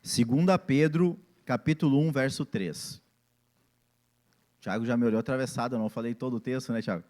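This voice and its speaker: A man's voice: medium pitch, fairly quick, a little mellow. A man, preaching a sermon as pastor and acting out family scenes in different voices.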